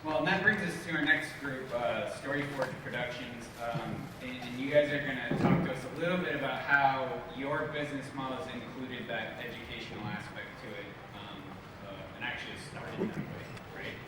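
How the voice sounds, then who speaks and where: A man moderates a comics panel, handing over to the next speakers with loose, filler-heavy phrasing. His voice sounds far off in a big echoing hall. Loud room noise fills the background. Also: mid-range voice, moderate pace, few pauses. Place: convention hall. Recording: echoey hall, distant mic, loud noise.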